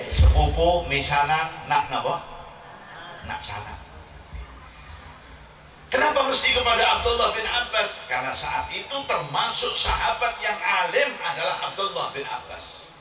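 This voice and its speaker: Man, lively humorous sermon, roomy distant hall sound, audience noise behind. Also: on the high side. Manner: animated, mixes in regional words, shouts punchlines. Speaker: preacher. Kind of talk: humorous sermon at a religious gathering. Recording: echoey hall recording from far off, audience noise.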